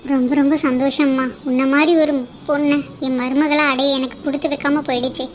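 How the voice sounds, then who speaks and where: A woman's voice: sits high, level tone, brisk, faint music behind, close to an everyday voice. A woman voicing a grieving, apologetic mother-in-law in a cartoon drama, speaking in a pleading way. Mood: sorrowful. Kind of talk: cartoon voice acting.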